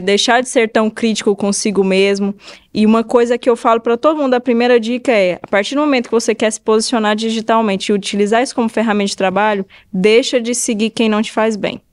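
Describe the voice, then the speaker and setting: A woman with a Brazilian Portuguese accent, a hairdresser talking as a podcast guest and giving practical advice in a casual, animated way, acting out what her clients say. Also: on the high side, fairly quick. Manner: animated, acts out clients' remarks in quoted voices. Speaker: guest, hairdresser and updo stylist.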